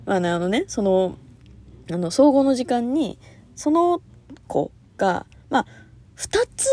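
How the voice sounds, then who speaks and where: A young woman hosting a casual solo talk show, chatty and animated, with lots of fillers and frequent laughs. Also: medium pitch. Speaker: podcast host.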